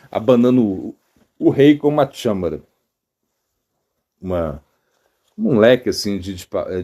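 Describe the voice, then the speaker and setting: A middle-aged man with a Brazilian Portuguese accent, giving a casual storytelling sermon as a monk, animated, with many fillers and repeats. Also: fairly low pitch. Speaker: monk giving a spiritual talk.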